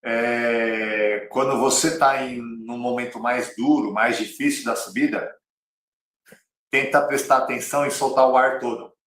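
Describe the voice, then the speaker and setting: A man's voice: medium pitch, steady tone, unhurried, fairly bright tone. A man with a Brazilian Portuguese accent teaching an online cycling lesson, direct and repeating key phrases like a coach. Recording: roomy, slightly distant mic.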